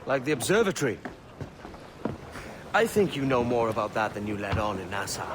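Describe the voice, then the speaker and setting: An actor playing a brash, self-assured pirate captain in a video game. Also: male voice, medium pitch, very animated, moderate pace, background noise, close to an everyday voice. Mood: cocky. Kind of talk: video game character acting.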